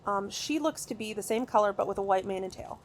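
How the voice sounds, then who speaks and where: An excitable woman talks her way through a video game from her home recording room. Her speech rambles and doubles back, full of fillers and restarts. Her voice sits at a middle pitch, with faint ambience in the background. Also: quick pace, a little hiss or hum. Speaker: gaming video creator. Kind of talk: casual gameplay commentary.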